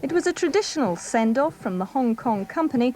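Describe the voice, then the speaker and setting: A woman TV news reporter reading a scripted report in a measured, even way, heard from a worn VHS tape copy. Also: sits high, over music. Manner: measured, even newsreader delivery. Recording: hissy worn videotape copy.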